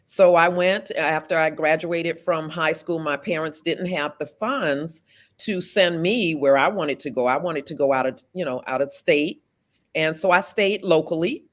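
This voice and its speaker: Low-pitched and earnest, a fifties-aged political candidate from South Florida, USA, responds to an interviewer. Her delivery is deliberate, with measured pauses separating her thoughts.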